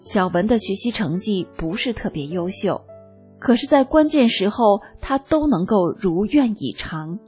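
A woman reading a first-person testimony aloud as scripted narration, in a slow, calm and even manner. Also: mid-range voice, slightly rough. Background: faint background music.

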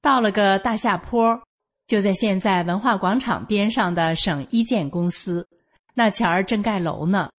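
A woman's voice: medium pitch, normal speed. An older woman from Northeast China with a Northeastern Mandarin accent, telling a personal story in a homely, matter-of-fact way. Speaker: storyteller sharing a personal account.

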